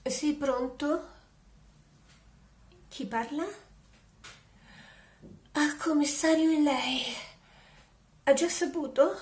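An actress playing a sly, mock-grieving widow on the phone in a comic home-theater sketch. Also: female voice, sits high, very slow, pauses often, darkish tone, reverberant. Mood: coy. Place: home, indoors.

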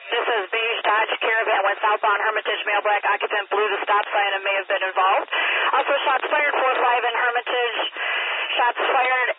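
Very high-pitched man dispatching over a hissy police radio. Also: steady tone. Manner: brisk, clipped, repeats back locations. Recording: hissy narrowband scanner radio.

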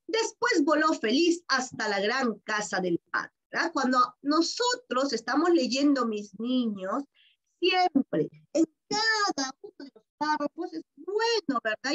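A woman primary teacher with a Peruvian accent walks children through a story, her high voice swooping up and down as she explains each part. She keeps checking that they follow, and the audio is dull and lo-fi. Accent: Peruvian Spanish. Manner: warm-toned, explanatory, keeps asking "¿verdad?". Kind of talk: reading comprehension lesson for children.

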